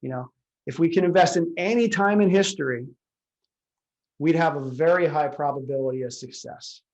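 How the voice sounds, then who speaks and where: A man's voice: on the high side, normal speed, low-quality recording. A man working as a retirement advisor, explaining a lecture slide by slide in a conversational way, full of fillers and rhetorical questions.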